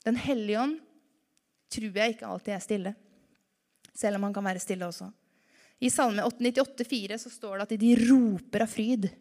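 Energetic woman preaching in reverberant hall. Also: medium pitch, long pauses. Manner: energetic, animated preaching with rhetorical questions. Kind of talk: sermon. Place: church hall.

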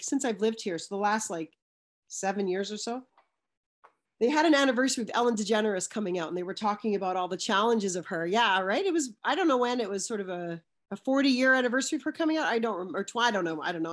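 Guest, woman, mid-pitch, earnest and halting, restarts a lot in casual chat. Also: expressive. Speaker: interview guest. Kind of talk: casual conversational interview.

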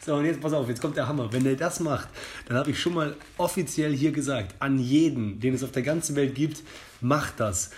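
A young man hosting a casual podcast reads a scam email aloud in a brisk, mid-range voice, putting on a joking, mock-formal tone. He's on a studio microphone, with slight background noise.

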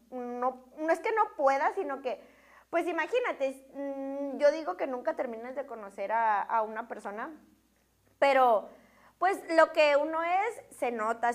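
A woman with a Mexican accent hosting an interview in an informal, encouraging, chatty way. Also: high-pitched. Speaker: interview host. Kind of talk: casual chat.

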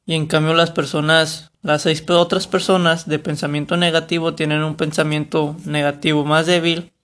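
A man's voice: a little high, little pitch movement, moderate pace, fairly bright tone. A young man with a Mexican Spanish accent, talking casually to camera about a book, rambling and correcting himself. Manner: rambling, self-correcting, colloquial. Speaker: vlogger reviewing a book.

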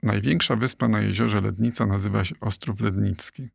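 A man narrating a children's audiobook in a steady, clear storytelling manner, recorded close in a studio. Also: fairly low pitch, normal speed, no room sound.

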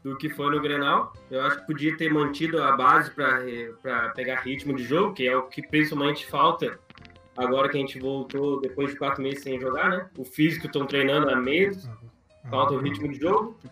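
A man's voice: medium pitch, normal speed, bright, forceful tone, faint music behind. A man, a panelist in a casual sports chat, blunt, profane and indignant. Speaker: podcast panelist.

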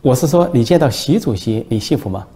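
A man's voice: mid-range voice, animated, brisk, mellow, natural voice. A man voicing an eager newspaper reporter in a told joke, fawning and easily surprised.

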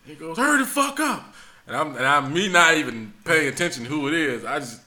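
A man co-hosting a casual podcast, telling stories with loud acted-out voices. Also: on the high side, fast talker, reverberant. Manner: animated storyteller, acts out yelling voices. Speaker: podcast co-host.

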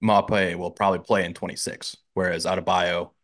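This is an American man co-hosting a relaxed sports podcast. His voice sits very low and deep. He sounds upbeat as he keeps the chat moving with questions. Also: a little fast. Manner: upbeat, asks questions and reads the show's segment links. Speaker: podcast co-host. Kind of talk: casual football podcast chat.

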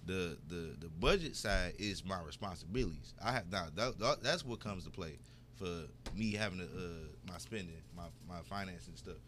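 A man's voice: low-pitched, normal speed, a bit bright, slight background noise. A man with a Detroit accent co-hosting a podcast in casual, profane chat, acting out quoted voices. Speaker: podcast co-host.

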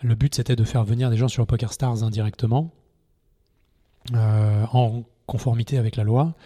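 A middle-aged man, a former poker TV presenter, talking casually as a podcast guest and acting out anecdotes with lively energy. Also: mid-range voice, moderate pace. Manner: animated storyteller, acts out scenes in shouts.

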